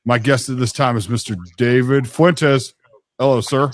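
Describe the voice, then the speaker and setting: A man's voice: mid-range voice, fairly even intonation, normal speed, no room sound, studio quality. A man hosting a casual interview show, talking informally and in a folksy way to guest and viewers.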